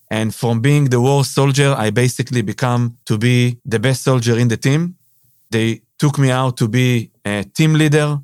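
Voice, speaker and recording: Clean, dry studio audio carries a man's mid-range, darkish voice. A business owner with an Israeli accent, he hosts a podcast in a casual monologue, often saying "uh" and "basically" with non-native phrasing.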